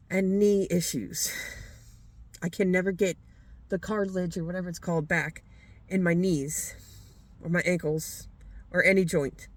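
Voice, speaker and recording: A woman's voice: on the low side, no room sound, poor audio. A woman vlogger delivering a heated, blunt, profane rant straight to camera. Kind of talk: ranting monologue to camera.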